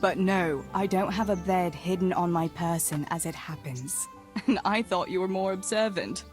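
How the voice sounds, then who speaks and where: A woman's voice: on the low side, moderate pace, a little mellow, faint music behind, natural voice. [name], a woman as a teasing young village sweetheart. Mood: playful. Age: young adult.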